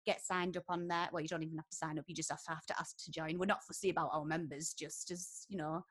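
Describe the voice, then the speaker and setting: A woman's voice: deep voice, flat delivery, fast talker, a bit bright, slightly rough. A woman chatting casually as a podcast host, in a breezy, jokey way.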